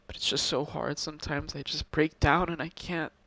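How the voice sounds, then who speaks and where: A young man in an emotional confessional vlog, talking to his subscribers in a halting way with many pauses and restarts, upset, sighing and close to tears. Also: on the high side, steady tone, vocal fry, sharp tone. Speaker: video creator talking to subscribers.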